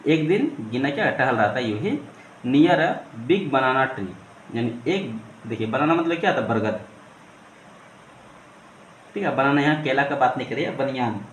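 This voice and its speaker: A man's voice: mid-range voice, expressive, moderate pace, long pauses. Man teaching English with a roomy echo. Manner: repeats 'ठीक है' often, asks questions and answers them himself. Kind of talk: explaining an English story line by line in Hindi. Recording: roomy echo, faint ambient noise.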